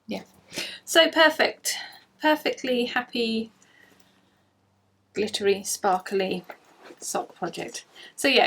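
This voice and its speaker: Bubbly, breathy woman. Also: medium pitch. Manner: chatty and bubbly, gushing over yarn. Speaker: podcast host. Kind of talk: casual video podcast chat.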